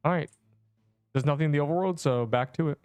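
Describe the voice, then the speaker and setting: A young man streaming a game, chatting along in a casual, excitable way with gamer slang. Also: fairly high pitch, fast, clean tone, dry recording, soft background music. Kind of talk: casual livestream commentary.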